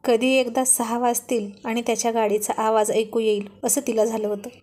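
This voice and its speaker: A woman's voice: a little high, level tone, moderate pace, warm tone. Woman narrating a romance story.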